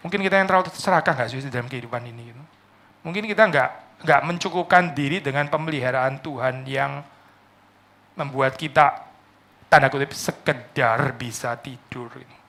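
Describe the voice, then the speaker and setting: A man preaching a sermon in a conversational way, swinging from loud mock complaints to soft asides. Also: medium pitch, normal speed. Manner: conversational, tag words like "ya" and "gitu". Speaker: pastor.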